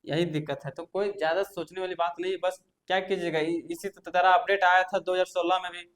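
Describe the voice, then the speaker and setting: A man's voice: high-pitched, little pitch movement, brisk, fairly bright tone. A man, a tech YouTuber, explaining things to viewers in a chatty, reassuring way, often repeating points and restarting sentences.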